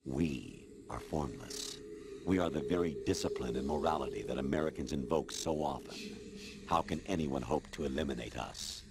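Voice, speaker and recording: In video game cutscene acting, a man voices a formless artificial intelligence posing as a colonel, coldly lecturing in a measured, authoritative, matter-of-fact way. His voice rumbles low with vocal fry. Loud music plays behind the game dialogue, and the background is noisy.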